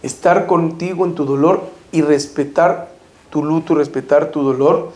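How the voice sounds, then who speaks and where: Middle-aged guy talking slow and halting about loss, kinda high voice, roomy echo. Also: steady tone, darkish tone. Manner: halting, with many restarts and pauses. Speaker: speaker sharing personal experience. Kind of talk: reflective personal testimony. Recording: echoey room.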